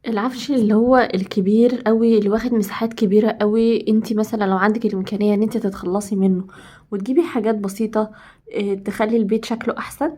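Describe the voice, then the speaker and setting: A woman's voice: mid-range voice, warm tone. A woman with an Egyptian accent giving emphatic, casual home advice to women and repeating points for stress. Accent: Egyptian Arabic.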